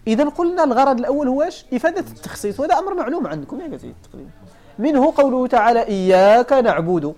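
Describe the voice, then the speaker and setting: Step by step, a sheikh from Morocco works through a classical grammar and rhetoric text, slowly repeating examples and questioning his students in return. He has a Moroccan Arabic accent and a high-pitched, mellow voice.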